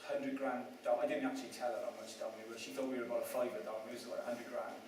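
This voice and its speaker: A Welsh-raised man speaks to a live audience at a property event, chatty and self-deprecating, and asks them questions. He races along in a medium-pitched, darkish voice with little pitch movement. The distant mic and echoey room add slight hiss or hum.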